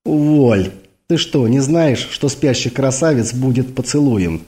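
A man reading an audiobook, voicing a wounded, sharp-tongued wife who answers curtly and sarcastically. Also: mid-range voice, expressive, unhurried, close to an everyday voice. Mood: weary sarcasm. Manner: curt and sarcastic.

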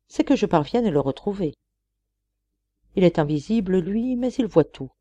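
Woman voicing an earnest young woman in a storybook, self-sacrificing, pleading, mellow warm tone, close dry sound. She speaks with quiet resolve. The voice stays soft and dark. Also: lowish voice, dry recording, natural voice. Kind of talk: audiobook character reading.

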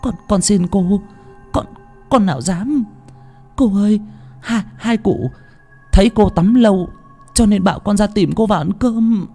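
A man voicing a frightened young kitchen maid in a ghost story, stammering and pleading softly. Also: high voice, measured pace, vocal fry, pauses often, soft background music, voice pushed up, full character voice.

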